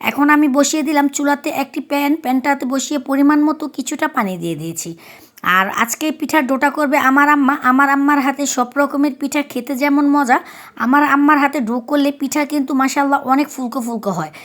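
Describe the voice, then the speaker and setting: A woman from Bangladesh talks through a home recipe, explaining each step as she goes. Her voice sits high, and her delivery is chatty and easygoing. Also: fast. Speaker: cooking vlogger. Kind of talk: recipe narration.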